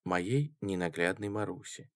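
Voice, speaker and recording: A man's voice: deep voice, measured pace, dry recording, studio quality, voice pushed down. A man voicing a passionate young woman. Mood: impassioned. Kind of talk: audiobook reading.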